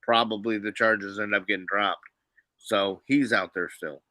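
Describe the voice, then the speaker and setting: A man's voice: on the low side, fairly even intonation, measured pace, sharp tone, no room sound. A man co-hosting a sports podcast, explaining points in a matter-of-fact, casual way. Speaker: podcast co-host.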